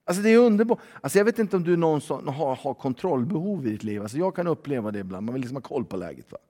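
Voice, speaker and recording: A man's voice: fairly high pitch, sing-song, mellow. A man preaching a sermon in a loose, conversational way, full of fillers and tag questions. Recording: long hall reverb.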